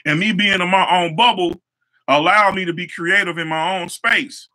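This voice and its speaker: A young man hosting his own show, telling personal stories in a casual motivational way, repeating phrases and using relaxed slang. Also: high-pitched, normal speed. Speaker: show host, hair stylist.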